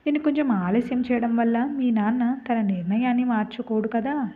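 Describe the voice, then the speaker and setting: Woman voicing a greedy young husband, hushed. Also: fairly high pitch, normal speed, natural voice. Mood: pressing. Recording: tinny phone-like lo-fi.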